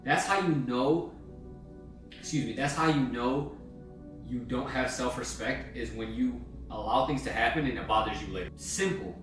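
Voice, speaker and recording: A man's voice: mid-range voice, moderate pace, fairly bright tone. A young man giving a blunt, slangy, casual self-help talk, swearing freely. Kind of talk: casual motivational monologue. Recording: very echoey room, mic at a distance, music behind.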